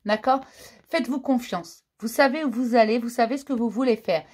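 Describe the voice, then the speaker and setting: Female card-reading host, slightly high register, informal and reassuring direct address. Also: brisk, a little mellow. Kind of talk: casual spoken card reading to camera.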